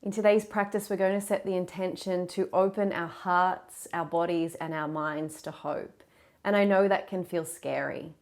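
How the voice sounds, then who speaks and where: A woman with a slightly low voice talks a class through a yoga practice. Her cues are gentle and encouraging, and she paces them around the breath without hurrying. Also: steady tone. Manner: gentle, encouraging, unhurried cueing of breath and movement. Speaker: yoga teacher. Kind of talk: guided yoga class instruction.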